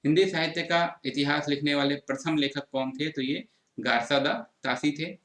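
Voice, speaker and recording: A man's voice: fairly high pitch, fairly even intonation, normal speed, fairly bright tone, echoey room. A man from Chhattisgarh, teaching an online exam answer-key lecture and explaining patiently with constant check-ins.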